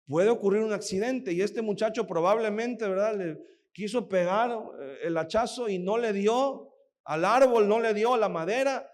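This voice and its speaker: Male pastor, high voice, lively storytelling sermon full of rhetorical questions. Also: moderate pace. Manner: animated storytelling, acts out quoted voices; asks the audience frequent rhetorical questions.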